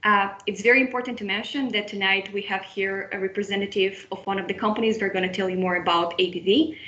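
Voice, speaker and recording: Talking fast, a young Moldovan woman moderates a student webinar online with a friendly manner and many restarts and repeated phrases. Her voice is medium in pitch, fairly even and fairly bright, heard through roomy, dull video-call audio.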